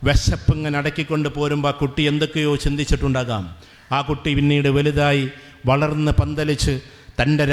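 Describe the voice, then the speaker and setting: A fairly high-voiced man, addressing students and teachers at a school gathering. He tells his stories in a motivational speech and draws out key words slowly for effect. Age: 40s. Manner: slows down and stretches words for emphasis. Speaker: guest speaker at a school.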